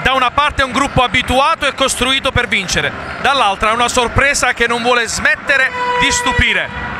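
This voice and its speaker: A man giving breathless, excited Italian goal commentary on a futsal match, shouting and stretching out names as play unfolds. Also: extremely high pitch, normal speed. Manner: excited, shouting and drawing out players' names at goals. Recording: very loud crowd and hall noise behind. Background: sports hall crowd, ball bounces.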